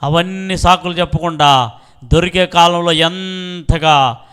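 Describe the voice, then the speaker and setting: A man's voice: a little high, slow pace, a bit bright, clean tone. A male pastor preaching a sermon, telling a story with acted-out voices and calling the congregation to say amen. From South India. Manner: storytelling preacher acting out voices, calls for amens.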